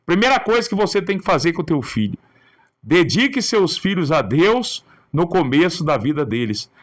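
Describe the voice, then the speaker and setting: A man's voice: a little high, big pitch swings, moderate pace. A male pastor preaching in short, earnest, admonishing phrases, often ending with a questioning tag. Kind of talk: sermon on raising children.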